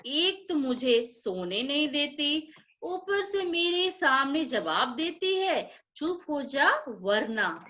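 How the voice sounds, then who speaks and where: A woman's voice: high voice, big pitch swings, takes it slowly, sharp tone, lo-fi sound, full character voice. A woman voicing an angry male lion who roars threats at a fly, read aloud in a story lesson. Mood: irritated. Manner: threatening, roaring.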